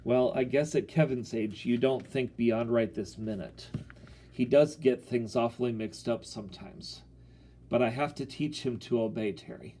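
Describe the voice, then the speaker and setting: A man voicing a gruff father who talks sternly. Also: mid-range voice, moderate pace, dark tone, close to an everyday voice. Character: gruff father, stern but secretly amused.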